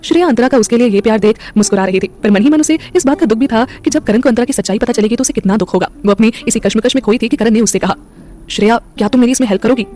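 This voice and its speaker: A woman narrating a romantic audio story in an expressive, scripted storytelling style. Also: a little high, rapid-fire, few pauses.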